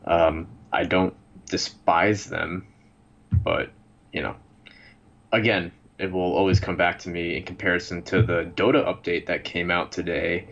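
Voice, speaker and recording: Co-host, a man with a very low voice, blunt and sarcastic, hollow fishbowl sound over a dull lo-fi mic. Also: level tone, measured pace, creaky, fairly bright tone, slight background noise. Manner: blunt, sarcastic, swears freely. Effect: muffled, hollow sound as if inside a fishbowl. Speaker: esports podcast co-host. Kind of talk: casual chat.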